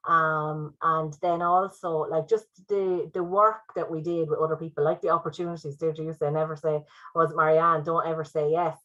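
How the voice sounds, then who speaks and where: A woman's voice: low-pitched, little pitch movement, moderate pace, a bit bright, muffled recording. A woman, a youth worker, chatting on a panel over a video call in a chatty, filler-heavy way. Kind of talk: panel talk, personal story.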